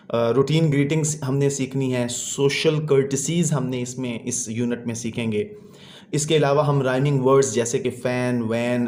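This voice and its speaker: A man teaching a children's English lesson online, explaining in Urdu and reading English sentences out slowly. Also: mid-range voice, darkish tone.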